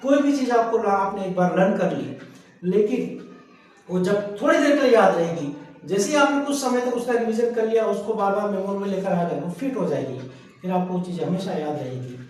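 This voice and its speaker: Man, English teacher, high voice, spells words letter by letter, very echoey room, sounds distant from the mic. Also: expressive, fairly quick, darkish tone, soft background music. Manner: asks the class questions and answers them himself. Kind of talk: spoken grammar lesson.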